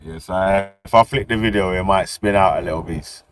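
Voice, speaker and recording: A livestream host with a London street roadman accent chats casually while streaming outdoors on city streets, his talk slangy, repetitive and full of tag questions like "yeah?" and "innit". His voice is low-pitched and fairly quick, with clean studio sound and no room sound.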